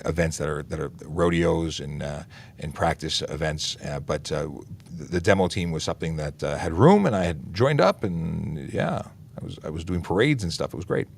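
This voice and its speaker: A deep, gravelly-voiced male police officer hosts a traffic Q&A livestream, casually reading and answering viewer questions. He's relaxed, with many "uh" fillers and restarts.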